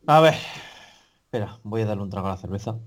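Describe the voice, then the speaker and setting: A man's voice: on the low side, animated, fast. A man, a podcast co-host ranting in casual chat, profane and exasperated, full of restarts.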